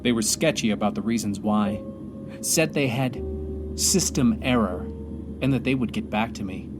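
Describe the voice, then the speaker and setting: Over music, a man with a lowish, natural voice plays a weary, grieving astronaut commander stranded alone. He delivers an earnest, halting audio drama monologue in a worried mood.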